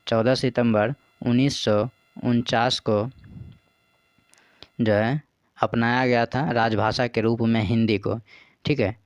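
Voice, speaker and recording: A man's voice: mid-range voice, fairly even intonation, slow, pauses often, clear, resonant tone, dry recording, highs cut off. Man teaching exam questions. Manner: patient, repeats "ठीक है" and "देखिए". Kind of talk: explaining practice questions.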